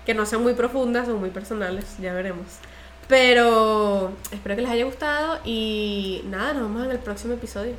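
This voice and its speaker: A high, bright woman chats on a casual podcast. She tells stories with animated energy and slips into other people's voices as she goes. Her voice comes through a noticeably echoey room. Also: normal speed, a little hiss or hum. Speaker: podcast co-host.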